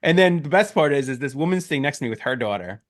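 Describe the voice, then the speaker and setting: A man's voice: medium pitch, expressive, quick pace, dry recording, studio quality. A man in his thirties, a podcast co-host, telling a story in casual chat and acting out the lines he quotes.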